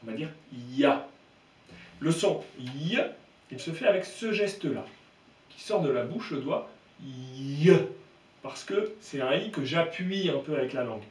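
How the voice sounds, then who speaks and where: Man, reading lesson, emphatic, animated pitch, distant mic, roomy echo. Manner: slow, emphatic, repeats sounds. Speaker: teacher.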